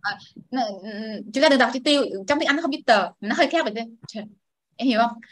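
A woman teacher runs a classroom lesson, her voice sitting a little high. She explains patiently and models each word for the class to repeat, and the sound is close and dry with little room echo. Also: brisk, a bit bright. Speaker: English teacher. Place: classroom with students.

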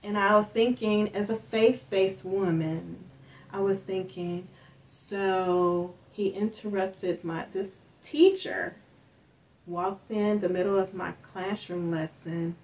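Soft-spoken woman, distant mic. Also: medium pitch, steady tone, slow pace. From Northern Kentucky. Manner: soft-spoken, many fillers, acts out quoted speech. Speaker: interviewee. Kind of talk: personal storytelling interview. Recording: distant mic with faint background hiss.

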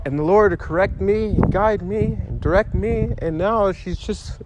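A man preaching an emotional testimony sermon, pleading, going from hushed to rising. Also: sits high, normal speed, noisy background. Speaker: pastor.

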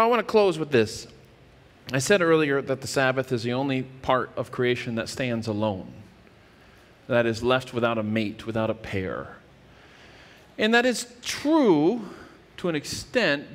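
A man's voice: medium pitch, big pitch swings, unhurried, a bit bright. Earnest male pastor in a reverberant church. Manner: earnest, explanatory preaching with frequent restarts. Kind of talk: sermon. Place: church stage with wood-paneled wall.

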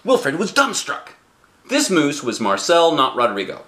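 A middle-aged man reading aloud to a child as a dad would, playful and expressive, with chatty asides and questions. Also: a little high, measured pace. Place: small living room indoors. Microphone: camera a short distance away.

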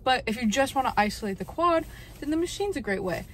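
A woman's voice: high-pitched, lively intonation, fast talker, reverberant, slight background noise. A woman in her twenties giving casual, encouraging gym tips for beginners, talking straight to the camera at close range. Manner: chatty, encouraging, says "literally" often. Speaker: fitness creator. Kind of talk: casual instructional vlog. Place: gym, then parked car, then bedroom.

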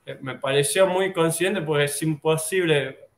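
A man with a Rioplatense Spanish accent talks through an idea in a loose, casual way. He rambles, restarts his sentences and fills the gaps with hesitations, in a slightly high voice. The room around him is echoey. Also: normal speed. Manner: rambling, with many fillers and restarts. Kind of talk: casual explanatory talk.

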